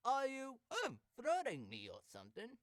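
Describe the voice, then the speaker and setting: A man's voice: very high voice, huge pitch swings, moderate pace, a bit bright, no echo, heavily acted. A man voicing a frazzled young male band manager in a fan-made cartoon animatic, talking in a jittery, stammering way. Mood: flustered.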